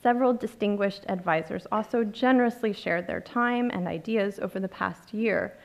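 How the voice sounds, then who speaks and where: A woman conference organizer reading formal acknowledgements in an auditorium, in a measured, scripted way. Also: mid-range voice, vocal fry. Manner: reads a list of thanks, measured.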